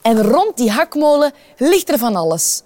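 A woman's voice: fairly high pitch, normal speed, dry recording. A woman with a Flemish accent reading a children's story aloud, asking her young listeners questions. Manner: lively, animated voices, asks the children questions.

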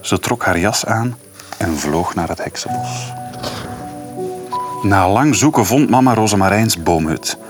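Lively man reading a storybook. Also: low-pitched, a little slow, long pauses, over music. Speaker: radio presenter reading to his daughter.

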